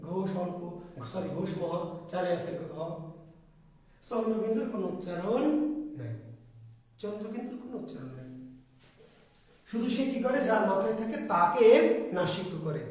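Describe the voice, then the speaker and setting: A man's voice: high-pitched, lively intonation, normal speed, darkish tone, recorded from a distance. Echoey lecture voice of a quizzing man. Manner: repetitive quizzing, asks and answers himself. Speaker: exam prep teacher. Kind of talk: classroom lecture. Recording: echoey room, voice from off mic.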